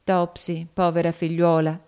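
A woman voicing a kindly but firm grown woman who speaks softly and soothingly. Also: lowish voice, little pitch movement, unhurried, clear, resonant tone. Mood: tender comfort. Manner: soft, soothing, persuasive.

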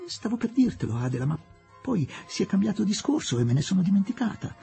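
A man's voice: high voice, sing-song, fast talker, gravelly, faint music behind, pitched above the performer's own voice, heavily acted. A man voicing a dreamy elderly English lady. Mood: wistful. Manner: soft, wistful and forgetful.

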